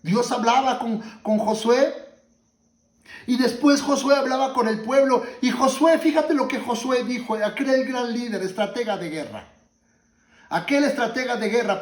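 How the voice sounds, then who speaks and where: Male preacher, very high voice, earnest sermon, echoey room. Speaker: pastor. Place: at home.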